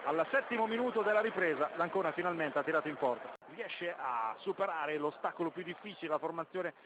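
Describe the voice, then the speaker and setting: A man's voice: a little high, expressive, brisk. A man giving live radio football commentary, narrating play, score and minutes as the match unfolds. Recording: dull lo-fi radio feed, loud background noise.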